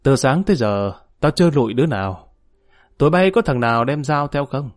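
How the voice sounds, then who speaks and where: A man's voice: medium pitch, lively intonation, fairly quick, dry recording, studio quality, close to an everyday voice. A man voicing a swaggering dockside gang boss who drawls threats. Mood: menacing. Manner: drawling, menacing.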